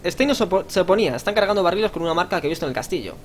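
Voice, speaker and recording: A young man from Spain with a high-pitched, very fast voice and lively intonation casually comments on a video game, reading lines aloud with crude jokes. Game music runs in the background, along with a slight hiss or hum.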